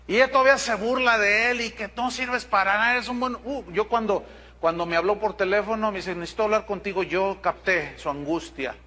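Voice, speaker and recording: Male pastor, direct sermon storyteller, high lively voice. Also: slight background noise. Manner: animated, direct, jumps to high exclamations.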